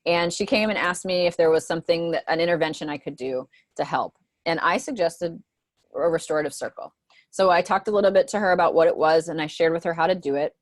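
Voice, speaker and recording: Over a video call, a school mentor walks a group of teachers through a presentation in a lowish, quick voice. She keeps it conversational, checking in with frequent "right?" asides. The sound is dry and close, with no echo.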